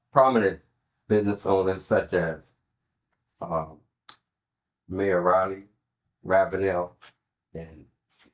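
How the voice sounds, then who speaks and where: A man's voice: low-pitched, low-quality recording. A man giving an oral history interview, sharing recollections as an interviewee.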